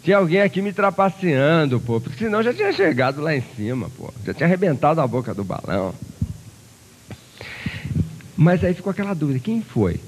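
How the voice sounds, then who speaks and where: A man's voice: a little high, a little fast, a little hiss or hum, low-quality recording. A man giving a motivational lecture to an audience, telling stories and acting out voices. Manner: animated storyteller who acts out voices. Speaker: motivational speaker. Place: lecture hall before an audience.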